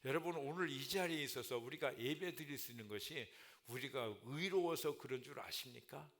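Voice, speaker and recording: A man's voice: medium pitch, a little fast, a bit bright. A male pastor preaching an earnest sermon in a church, often punctuating his points with short affirmations. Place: church sanctuary.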